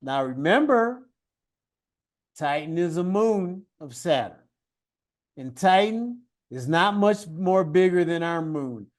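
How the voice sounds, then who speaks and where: A man's voice: on the high side, animated, takes it slowly. A man teaching a one-on-one science lesson, patient and encouraging, guiding his student with questions and praise.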